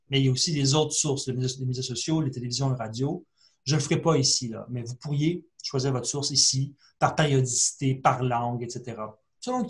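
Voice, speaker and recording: Chatty man teaching a webinar. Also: fairly high pitch. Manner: explanatory, conversational, many fillers and restarts. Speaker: librarian giving a webinar. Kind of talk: screen-share tutorial.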